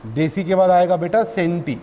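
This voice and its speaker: High-voiced male physics teacher drilling students. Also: moderate pace, mellow. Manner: addresses students as "beta", repeats terms for drilling. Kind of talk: classroom lecture. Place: classroom. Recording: long reverb, faint background noise.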